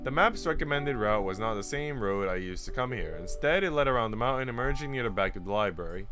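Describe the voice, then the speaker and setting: Reading a visual novel aloud on stream, this man mixes in casual, slangy chat to viewers. He talks fast in an expressive, medium-pitched voice over background guitar and instrumental music.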